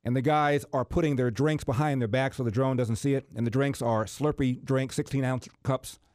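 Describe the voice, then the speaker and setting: A man hosting a talk radio interview, speaking in a measured, conversational way with occasional fillers. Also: medium pitch, steady tone, darkish tone, no echo, clean studio sound. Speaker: radio talk show host.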